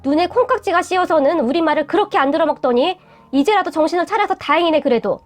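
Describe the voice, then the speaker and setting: A woman's voice: extremely high pitch, expressive, fast, soft background music. A woman voicing a stern, worried middle-aged parent who speaks seriously and scolds. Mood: scolding.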